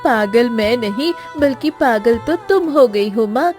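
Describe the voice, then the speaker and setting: A woman's voice: a little high, expressive, measured pace, darkish tone. A woman voicing a playful teenage girl who teases her mother, over background music. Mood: cheeky. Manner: teasing, cheeky. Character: playful teenage girl, teasing younger sister. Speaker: voice actor. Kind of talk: dubbed cartoon acting.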